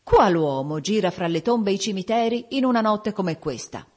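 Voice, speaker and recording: A woman's voice: on the low side, very animated, measured pace, a little mellow. A woman reading as a sneering old male ghost. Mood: mocking. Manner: brusque, sneering questions.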